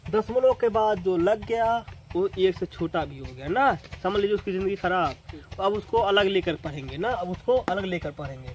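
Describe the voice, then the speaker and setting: A man's voice: high-pitched, lively intonation, normal speed, a little mellow, poor audio. A man teaching basic math in a casual classroom way, repeating each point and tagging lines a questioning "na". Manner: talks straight to students, repeats points with "na" tags.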